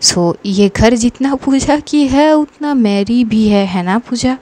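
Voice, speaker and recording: Woman doing brash young woman in love, teasing and defiant, mellow slightly high voice, storybook telling. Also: animated, slow pace. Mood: cheeky. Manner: bold, playfully defiant, mocking sweetness. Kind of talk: narrated story with acted dialogue.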